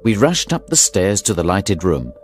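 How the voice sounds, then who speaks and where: A man reads a story aloud in a steady, clear narrating manner. His voice is very deep yet moves with lively rises and falls. Soft music runs quietly underneath. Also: moderate pace.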